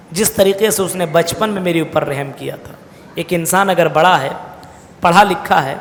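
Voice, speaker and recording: Male mosque preacher, higher voice, long hall reverb; slow verse recitation, plain-spoken explanation. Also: fairly bright tone. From India. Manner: explains verses, recites Arabic slowly then paraphrases; addresses listeners as brothers. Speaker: Islamic preacher. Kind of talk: Quran commentary sermon.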